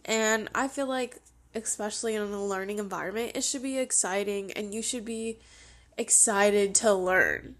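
A woman's voice: mid-range voice, normal speed, a bit bright. A young woman hosting a casual solo podcast, sounding congested and chatty, full of "like" fillers. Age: young adult. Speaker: podcast host.

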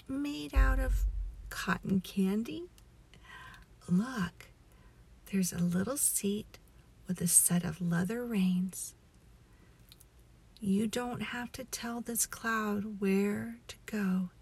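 A woman leading a guided relaxation meditation as a story, in a soothing, hushed, breathy voice that often nears a whisper. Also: medium pitch. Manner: slow, soothing, hushed delivery.

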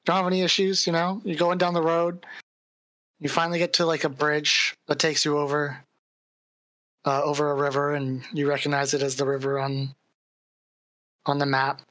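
Woman dungeon master, low voice, bright forward tone, dry close mic, casual rambling narration. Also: level tone, moderate pace, pauses often, no room sound, poor audio. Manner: casual, filler-laden narration. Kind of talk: narrating a tabletop game.

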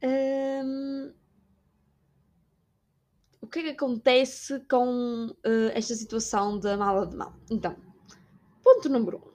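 A woman's voice: slow, pauses often. A young woman with a European Portuguese accent, chatting casually about a trip and imitating people along the way. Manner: chatty, animated, imitates shouting staff in high voice. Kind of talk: casual storytelling vlog.

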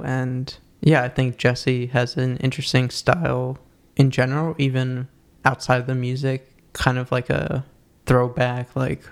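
A man's voice: mid-range voice, vocal fry, smooth. A man co-hosting a podcast, casually reviewing new music with a laid-back delivery full of fillers. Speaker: podcast co-host.

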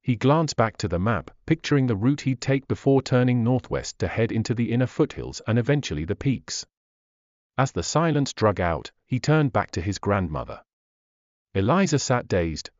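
A man narrating a fantasy audiobook in a measured, expressive reading. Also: medium pitch, no room sound. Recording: dull dry recording.

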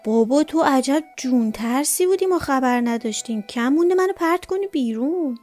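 A woman's voice: high voice, expressive, darkish tone, soft background music. A woman voicing a cheeky, melodramatic young male friend who teases and plays the victim in casual banter. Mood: teasing. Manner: teasing, self-pitying colloquial banter.

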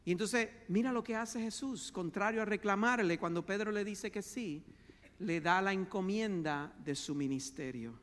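Male pastor, fervent sermon, very high bright voice, reverberant hall. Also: normal speed. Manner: fervent preaching, addresses listeners as brother; mixes in English words.

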